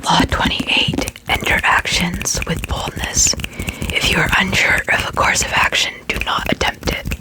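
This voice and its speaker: Asmr creator whispering about books, all breathy no voice, repeats bits sometimes. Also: moderate pace, rough recording.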